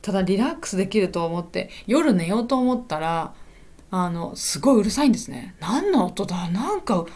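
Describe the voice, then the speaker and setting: A woman teaching in a casual podcast lesson, chatty, filling pauses with little affirmations and hesitations. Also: mid-range voice. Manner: chatty, fills pauses with "hai" and "ano"; lively, rising and falling often. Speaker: Japanese teacher.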